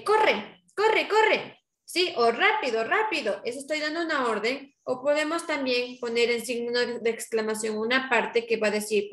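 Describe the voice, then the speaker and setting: A woman's voice: sits high, a bit bright, reverberant. A woman teacher giving a patient grammar lesson to her class, often checking in with her students.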